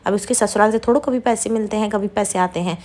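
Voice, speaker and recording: A woman voicing a sharp-tongued older aunt from a TV serial, dismissive and sneering. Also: medium pitch, quick pace, lightly acted.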